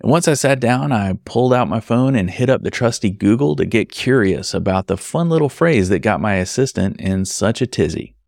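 Gravelly-voiced man telling a story. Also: on the low side, animated, moderate pace, hardly any pauses, a little mellow, no room sound, clean studio sound. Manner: conversational, wry asides to the listener. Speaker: event photographer. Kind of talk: storytelling narration.

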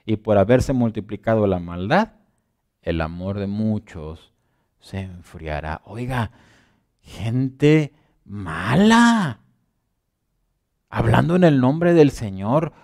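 A man preaching a sermon in a conversational way, often asking listeners whether they follow, and swinging between loud emphasis and quiet asides. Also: on the low side, expressive, a little slow, vocal fry. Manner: conversational, asks listeners for agreement.

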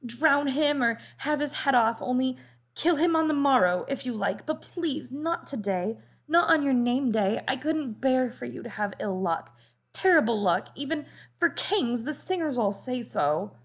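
Desperate young noblewoman, high and pleading, played by a woman. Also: animated, unhurried, husky, exaggerated voice. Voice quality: pleading, breathless.

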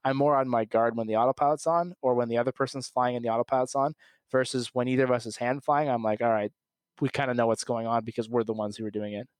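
A young man, an airline pilot, calmly and methodically explaining his work in an interview. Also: medium pitch, fast talker, dry recording. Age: young adult. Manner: calm, methodical, plain explaining. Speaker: commercial airline pilot, podcast guest.

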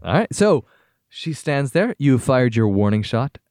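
Animated game master man, dry close sound. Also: mid-range voice, unhurried, dry recording. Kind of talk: narrating a tabletop game.

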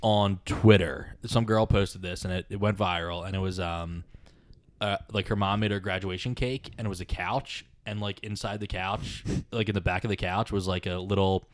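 Low-voiced rambling male podcast host. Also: fairly even intonation, moderate pace. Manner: rambling, laughs often, reads reviews aloud. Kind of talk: casual movie chat.

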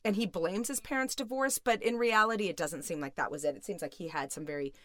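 A woman's voice: lowish voice, quick pace, a bit bright, dry recording. A middle-aged woman speaking as an expert guest, explaining things conversationally in an interview. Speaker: guest expert, criminal psychologist.

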